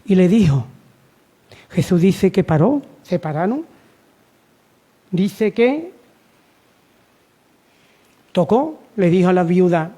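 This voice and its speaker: Guy from spain preaching, high warm voice, says everything twice, keeps asking the church questions. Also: sing-song, slow pace, long pauses. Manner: repetitive, exhortative, rhetorical questions. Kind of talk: sermon.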